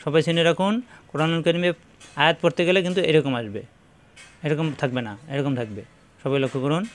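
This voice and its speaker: A man teaching Quran reading, explaining each Arabic letter and saying its name again and again in a slow, instructive way. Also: fairly high pitch. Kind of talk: step-by-step letter pronunciation lesson.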